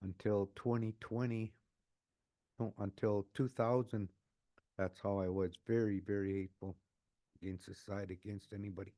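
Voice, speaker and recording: A man in his sixties telling his own life story, unscripted and emotional, often halting and repeating words as he restarts a phrase. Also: lowish voice, level tone, warm tone, dry recording, clean studio sound. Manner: emotional, earnest. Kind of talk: personal testimony, unscripted.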